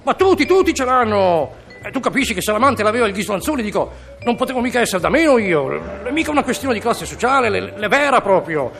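A man's voice: sits high, big pitch swings, creaky, fairly bright tone, soft background music, voice pushed up, heavily acted. A man voicing a flustered, stammering rich husband in a radio comedy sketch. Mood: boastful. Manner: stammering, hurried, exasperated.

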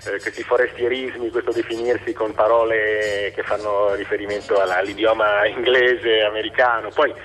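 A man's voice: lowish voice, little pitch movement, moderate pace, few pauses, fairly bright tone. A man reminiscing conversationally as a guest in a radio interview. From Italy. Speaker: interview guest recalling his father.

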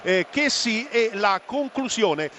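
A man giving excited, breathless live football goal commentary over stadium ambience. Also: high voice, takes it slowly. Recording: noisy stadium broadcast.

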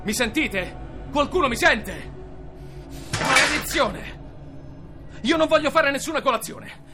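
A man's voice: very high voice, lively intonation, unhurried, over loud music. An actor playing a bewildered male detective who wakes up trapped, talking in a confused, breathless and urgent way. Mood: indignant. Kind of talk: audio drama acting.

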